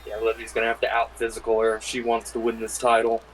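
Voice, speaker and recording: A man with a medium-pitched voice gives wrestling commentary as the second voice at the desk. He offers analysis and brief reactions. Noise is clearly audible behind him. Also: monotone, quick pace. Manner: adds analysis and short reactions. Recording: clearly noisy recording.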